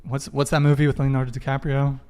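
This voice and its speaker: In a dark, monotone, mid-range voice at a quick pace, a young man hosts a live dating podcast. He stays loose and joking while stumbling through casual stream announcements and tech mishaps.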